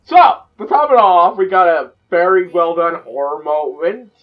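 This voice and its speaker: A young man hosting a reaction video, excitable and loud, often restarting his sentences, speaking into a headset in a small room at home. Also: high voice, normal speed, distant mic, narrow, tinny audio.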